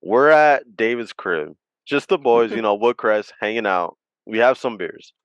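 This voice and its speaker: A man co-hosting a podcast in casual chat, an animated storyteller who swears freely. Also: on the low side, a little slow, clear, resonant tone, no echo, muffled recording. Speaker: podcast co-host.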